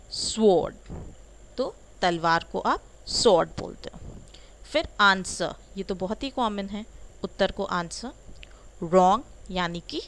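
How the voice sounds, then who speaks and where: A woman's voice: mid-range voice, poor audio. A woman teaching a spoken English lesson, saying each word and then giving its Hindi meaning.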